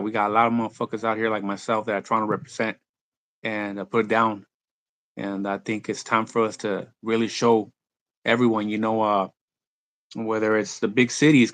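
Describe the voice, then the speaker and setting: A man's voice: fairly low pitch, fairly bright tone, no echo. A Mexican-born man who grew up in California, speaking, talks casually as a rap artist guest, full of slang and restarts. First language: Spanish. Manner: laid-back slang-heavy talk, many restarts. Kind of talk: casual interview chat.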